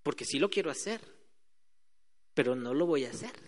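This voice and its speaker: A man's voice: fairly high pitch, animated, moderate pace. A man preaching a sermon in a conversational way, acting out quoted voices. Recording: hall reverb.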